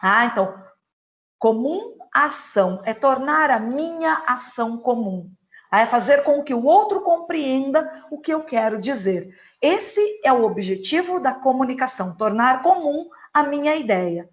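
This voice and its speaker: A woman teacher, giving an online class lecture and explaining step by step, often ending phrases with a quick "tá?" or "né?". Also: sits high, expressive, muffled recording. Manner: explanatory, with frequent "tá?" and "né?" tags.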